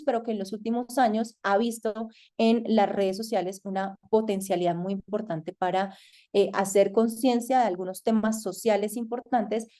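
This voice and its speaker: A woman with a Colombian accent giving an online masterclass, thoughtful and hesitant, pausing often with fillers. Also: mid-range voice, warm tone. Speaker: masterclass lecturer. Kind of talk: online lecture.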